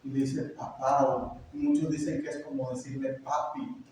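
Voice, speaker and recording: Casting: middle-aged preacher, high-ish voice, chatty and joking, heard from far in a roomy church. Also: male voice, big pitch swings, a little fast, warm tone, a little hiss or hum. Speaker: pastor. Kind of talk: sermon. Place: church hall. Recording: echoey church hall, mic far off.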